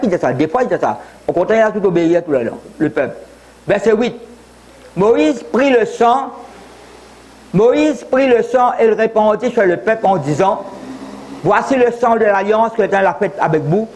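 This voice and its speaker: A man in his seventies, a pastor from Mauritius, preaches in a high-pitched, darkish voice. His sermon is full of repeated phrases and asides, with short switches into English.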